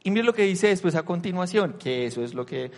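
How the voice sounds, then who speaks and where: A man with a fairly high voice preaches a conversational sermon in a church hall. The long reverb of the hall trails after his words. He talks with the congregation in an animated way and asks them rhetorical questions. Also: brisk.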